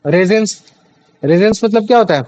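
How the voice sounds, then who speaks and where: Brief: male tutor, high pitch, chatty, keeps quizzing students, mix. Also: fairly quick, darkish tone, dry recording, poor audio. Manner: chatty, repeats questions to students, many fillers. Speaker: teacher. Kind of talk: classroom biology lesson.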